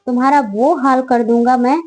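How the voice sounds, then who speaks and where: A woman's voice: sits high, steady tone, normal speed, a little mellow, lightly acted, rough recording. Woman reading an angry young male stalker. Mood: threatening. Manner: pleading then threatening.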